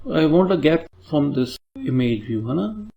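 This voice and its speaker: A man's voice: fairly high pitch, big pitch swings, normal speed, vocal fry, mellow, dull audio. A man with an Indian English accent teaching a coding tutorial, explaining step by step and checking in with tag questions. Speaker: programming tutor. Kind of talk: screen-recorded coding tutorial.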